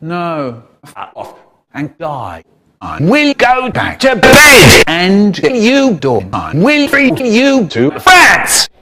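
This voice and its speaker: A man tells a story in speech spliced word by word from separate clips, so it jumps jarringly between words. Pitch swings hugely and loudness shifts abruptly, the pace is extremely slow, and the recording is very noisy.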